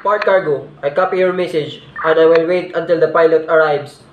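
A man's voice: a little high, steady tone, brisk, narrow, tinny audio. A young man playing a ship's officer in a marine radio roleplay, speaking in formal, clipped radio phrasing and closing each turn with "over". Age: young adult. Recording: echoey room with loud noise.

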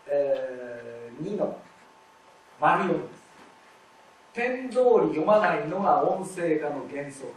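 A high-voiced man lectures step by step, stopping to read lines aloud as examples. He sounds far from the mic in a hall with heavy reverb and a faint hiss underneath. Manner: explains step by step, demonstrating readings aloud. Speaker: lecturer on expressive reading. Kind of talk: live explanatory lecture. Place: lecture hall at a festival event. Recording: very echoey hall, distant mic.

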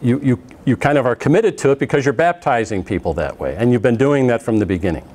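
A middle-aged man lecturing a class in a conversational way, often pausing on "uh" and restarting phrases, recorded on a lapel mic in a classroom. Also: medium pitch, lively intonation, a little mellow. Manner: conversational, with frequent "uh" fillers and restarts. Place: classroom in front of a projected slide.

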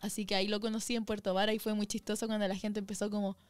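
A young woman with a Chilean Spanish accent, co-hosting a casual chat and telling an animated story full of slang. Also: medium pitch, racing, no echo. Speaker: co-host.

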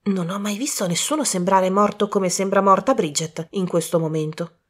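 A young prankster, as a woman narrator voices him, who keeps choking back laughter. His lines come out strained and whispery. The voice stays close to her own reading pitch. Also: normal speed, close to an everyday voice.

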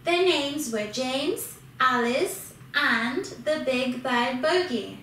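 A woman reading a children's storybook aloud, slow and expressive in a high voice. She sounds distant in a very echoey room, with a faint hiss underneath.

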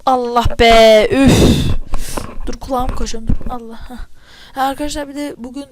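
A woman casually commentating her own gameplay into a headset mic, excitable and often breaking into loud yells. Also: high voice, moderate pace, background noise. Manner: excitable, bursts into loud yelling at setbacks. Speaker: gamer commentating own play. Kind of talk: casual let's-play commentary. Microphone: spare headset mic.

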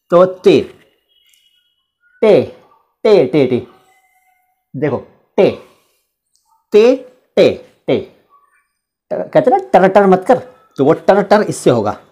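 A man from India teaching a casual lesson at a board, chatty, with drawn-out letter sounds and side remarks. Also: mid-range voice, darkish tone. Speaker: language teacher.

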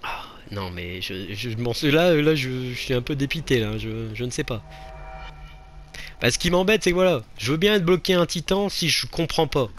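This is a man's casual let's play commentary, delivered at a moderate pace in a voice on the high side, with a little hiss or hum behind it. He mocks himself, exclaiming and laughing at each failed attempt.

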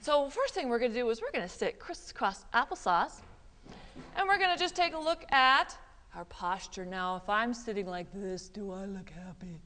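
A woman leads a children's yoga lesson in a library room. She coaxes and animates her young audience, her pitch swinging widely. A long reverb trails her voice. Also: normal speed. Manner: animated, coaxing, sprinkles in Spanish words. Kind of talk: teaching children live.

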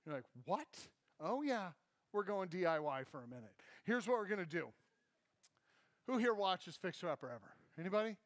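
A man's voice: high voice, normal speed, no room sound. A man in his thirties preaching a sermon as pastor, moving and gesturing across a church stage. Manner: animated, gesturing while pacing a stage. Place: church stage, large indoor hall.

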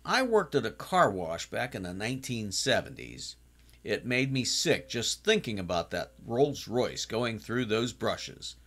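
A man in his sixties recapping a TV episode in a chatty, casual way, now and then breaking into animated exclamations. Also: on the low side, a little slow. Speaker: TV series reviewer.

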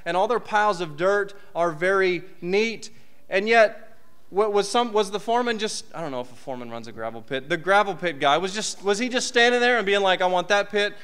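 A man's voice: high voice, fairly bright tone, clear, resonant tone. A man in his thirties preaching a conversational sermon from a church podium, with asides and rhetorical questions. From United States. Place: church hall. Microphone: podium mic.

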